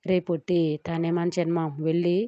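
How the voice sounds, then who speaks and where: A woman's voice: fairly low pitch, brisk, dry recording, highs cut off, natural voice. A woman doing a teasing cheerful young woman. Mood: playful. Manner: teasing, lively.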